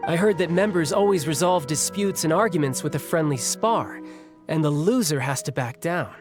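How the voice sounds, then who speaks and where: A man's voice: on the high side, expressive, normal speed, over music, close to an everyday voice. A man voicing Childe, a cocky young warrior in a game cutscene who talks in a casual, joking way. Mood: easygoing. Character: cocky young male warrior, breezy and eager to fight.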